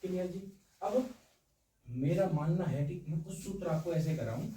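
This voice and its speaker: A man with a mellow voice that sits high speaks at normal speed while teaching a science lesson. He uses homely, playful analogies and frequently confirms students are following, recorded distantly in an echoey room.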